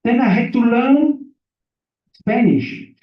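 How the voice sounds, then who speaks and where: In a very echoey room, captured muffled by a distant mic, a seminar guest speaker tells his own life story to motivate the audience. Born in Burundi and from Belgium, he's a native French speaker with a French accent, speaking simple English, repeating phrases and questioning listeners. His very high voice is animated, and he takes it slowly.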